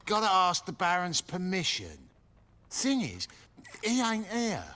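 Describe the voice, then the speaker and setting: A surly middle-aged quartermaster talks back with gruff sarcasm. His voice is bright and bounces around in pitch. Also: wildly swooping pitch, a little slow, heavily acted. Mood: sardonic. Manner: gruff, sardonic.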